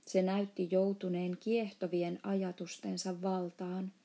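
A woman narrating a children's storybook aloud, reading in a calm, steady way. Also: on the low side.

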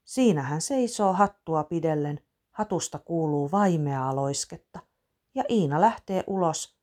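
A woman reading a children's storybook aloud with expressive narration. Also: sits low.

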